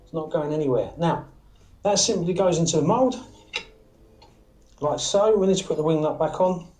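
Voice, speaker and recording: This is a casual workshop demonstration by a British antenna maker in a small indoor space, where he talks the viewer through each step and keeps asking "all right?" and "okay?". His voice is on the high side and darkish, at a normal speed, and the audio is poor.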